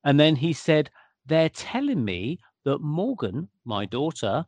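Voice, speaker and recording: A man's voice: fairly high pitch, unhurried, dry recording. A British man from the UK, telling a personal anecdote in casual conversation and acting out the quoted dialogue. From United Kingdom. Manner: animated anecdote teller who acts out quoted dialogue.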